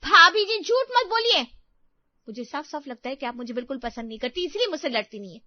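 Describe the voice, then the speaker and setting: A woman's voice: a little high, lively intonation, very fast, no echo, muffled recording, lightly acted. A woman voicing Sunita, a young sulky sister-in-law who whines and demands attention, in a cartoon story. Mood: upset. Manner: whiny, demanding. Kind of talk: cartoon voice acting.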